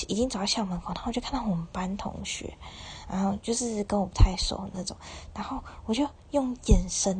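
A young woman in her twenties with a Taiwanese Mandarin accent, telling a rambling personal story in a casual, often breathy near-whisper. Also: a little high, darkish tone, a little hiss or hum. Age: 20s. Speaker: university student podcaster.

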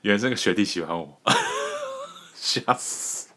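Taiwanese male podcast host, low voice, swings widely in pitch, crude jokey chat, keeps laughing and restarting. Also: huge pitch swings, unhurried, pushed and bright. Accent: Taiwanese Mandarin. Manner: joking and crude, laughing often, stumbling restarts.

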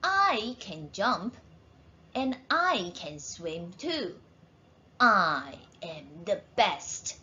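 A woman's voice: mid-range voice, sing-song, extremely slow, pushed and bright, dull audio, exaggerated voice. Clever storybook frog, read by a woman. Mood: calm.

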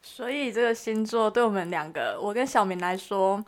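A woman's voice: mid-range voice, lively intonation, normal speed. A woman co-host talking in a casual, conversational chat style.

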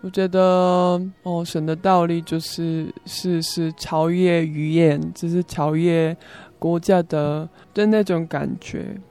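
Young korean lady, foreigner speaking mandarin w/ korean accent, halting and repeating words, telling her story, music behind. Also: fairly low pitch, fairly even intonation, warm tone, clear, resonant tone. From South Korea. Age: young adult. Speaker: interview guest, student. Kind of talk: personal testimony in conversation.

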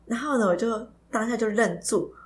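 A woman's voice: on the high side, normal speed, a little hiss or hum. A woman co-hosting a podcast, telling a story in casual chat, giggling and stumbling over repeated words. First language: not Taiwanese Hokkien. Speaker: podcast co-host.

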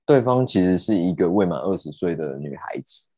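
Deep-voiced man telling a story. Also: brisk, husky, dry recording. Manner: animated, indignant, swears casually. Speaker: podcast host. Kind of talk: casual storytelling.

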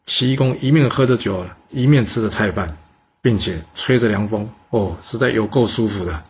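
A man telling a historical tale in a lively, colloquial way. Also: fairly low pitch, highs cut off, a little hiss or hum. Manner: lively, colloquial, with many drawn-out particles. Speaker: storyteller. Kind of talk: historical storytelling.

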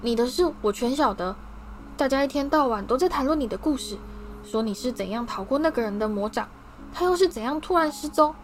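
A man's voice: very high-pitched, animated, fairly quick, slight background noise. A woman voicing an eager, starstruck young schoolboy who gushes and pleads breathlessly.

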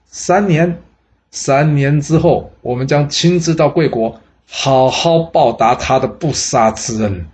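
Guy doing a proud general shouting from a boat, formal and emphatic, storybook voice. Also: mid-range voice, slow, close to an everyday voice. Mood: defiant. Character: proud male general, defiant and dignified.

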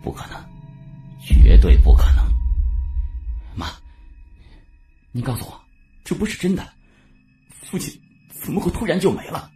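A man's voice: a little high, huge pitch swings, a little slow, long pauses, darkish tone, breathy edge, faint music behind, voice pushed up, full character voice. A man voicing a selfish, hot-tempered young man in a storytelling drama, with a strained, raised voice. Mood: shocked.

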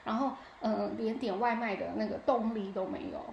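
A young woman with a Taiwanese Mandarin accent tells a story on her podcast in a lively, chatty way, often checking in with the listener. Her voice sits a bit high. The room rings with echo, and a faint hum of ambience runs underneath. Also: normal speed, gravelly, dull audio. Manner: animated, keeps asking the listener 你知道吗. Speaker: podcast host. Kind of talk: casual storytelling monologue.

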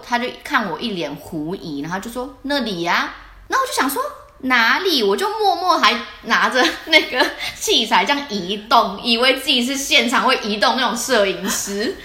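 A young woman chats on a casual podcast, her voice bright and her pitch swinging widely as she tells animated stories and laughs often. The sound carries a noticeable room echo. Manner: animated storytelling with frequent laughter. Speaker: podcast co-host. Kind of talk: casual chat.

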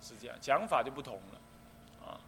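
This Taiwanese abbot, a middle-aged man, walks through the precepts methodically at normal speed in a mid-range voice. His delivery is explanatory and animated, voicing quoted speech, and faint background noise is audible.

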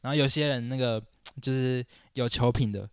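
A young man co-hosting a podcast chats casually about basketball, complaining animatedly and acting out quotes. His mid-range voice has fairly even intonation, a moderate pace, and a clear, resonant tone. The recording is studio quality with no room sound.

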